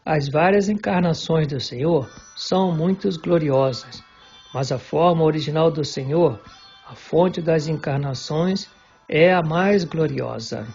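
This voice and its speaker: A man giving a measured, deliberate reading of a devotional religious text. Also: a little high, a little mellow. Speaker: reader of a devotional book. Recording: dull lo-fi recording with faint background music.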